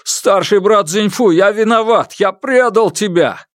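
A man voicing a desperate middle-aged father who shouts and pleads in strained outbursts. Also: a little high, wildly swooping pitch, takes it slowly, vocal fry, slightly rough, no echo, clean studio sound, pitched above the performer's own voice, heavily acted. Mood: humbled strained.

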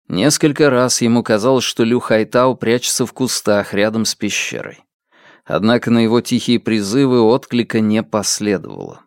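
A man reading a novel aloud as audiobook narrator, measured and unhurried. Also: on the low side, no room sound, clean studio sound. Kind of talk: scripted narration.

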